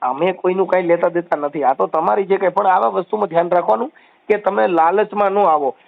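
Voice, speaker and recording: A man giving calm, reassuring advice on a phone call, often repeating soothing phrases. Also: high-pitched, fairly quick, vocal fry. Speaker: social media activist taking calls. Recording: tinny phone line.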